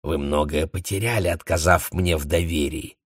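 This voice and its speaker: A man voicing a sly, cool spy who speaks in quiet sardonic asides, in an audiobook. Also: extremely low pitch, fairly even intonation, moderate pace, husky, dry recording, studio quality. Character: sly male spy, cool and low-key.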